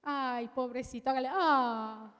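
A woman preaching a personal testimony, telling her story with strong emotion and dropping to a hush at tender moments. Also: sits high, measured pace, clear, resonant tone, in a large hall. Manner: emotional storytelling, shifts from loud to hushed. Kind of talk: testimony sermon.

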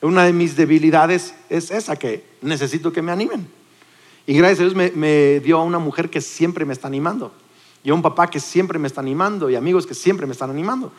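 A man's voice: a little high, brisk. Man in his forties preaching in a reverberant hall. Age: 40s. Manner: preaches with rising emphasis, calls on congregation to repeat words. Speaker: pastor. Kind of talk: sermon.

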